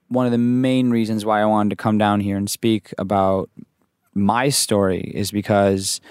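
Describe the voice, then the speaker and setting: Smooth-voiced earnest young man. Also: on the low side, darkish tone, no room sound, clean studio sound. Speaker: videographer. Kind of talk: interview testimony.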